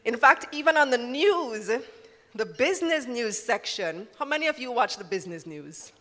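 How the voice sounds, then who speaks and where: A woman's voice: fairly high pitch, expressive, moderate pace, pushed and bright. A woman giving a live talk to an audience as a finance journalist, engaging and asking the room questions. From Jamaica. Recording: reverberant hall.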